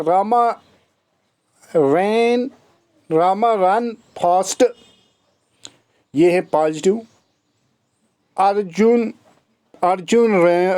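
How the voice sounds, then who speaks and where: A man gives a recorded English grammar lecture. His voice sits high and he reads the rules at a slow, measured pace. He backs each rule with plain examples. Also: warm tone. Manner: slow dictation-like reading of English rules, then fast explanation in Hindi; explains with examples.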